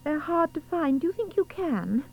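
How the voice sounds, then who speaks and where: A very high, shrill storybook girl, acted out by a man. She is feisty and demanding, swinging widely in pitch as she exclaims in verse. The recording is dull and muffled. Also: big pitch swings, moderate pace, gravelly, exaggerated voice. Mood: wistful, wary. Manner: bossy, exclamatory, shrieking demands.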